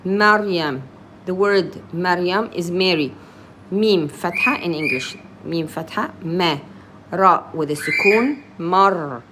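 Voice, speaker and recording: Slow woman teaching recitation. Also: on the low side, noisy background. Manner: sounds out each Arabic letter and vowel mark, then explains in simple English. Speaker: Quran reading teacher. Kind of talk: slow letter-by-letter recitation lesson.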